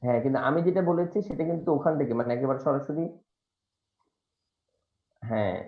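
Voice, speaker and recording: A man's voice: mid-range voice, fairly quick. A man teaching a live online class, correcting a student's pronunciation patiently with some fillers. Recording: dull, echoey room sound.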